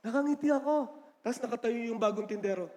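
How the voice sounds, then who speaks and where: A man with a notably high voice preaches to his congregation, joking with them and checking in with a quick "amen?". His delivery is chatty and loose, and he slips into English when defining words. The sermon rings out with a long church-hall reverb. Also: a little mellow, a little hiss or hum. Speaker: pastor. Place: church sanctuary.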